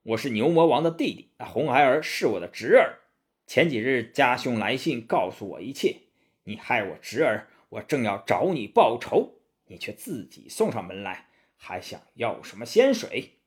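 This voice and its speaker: A man voicing a furious, vengeful male immortal in a storybook tale, shouting with menace. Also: mid-range voice, big pitch swings, moderate pace, natural voice. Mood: enraged.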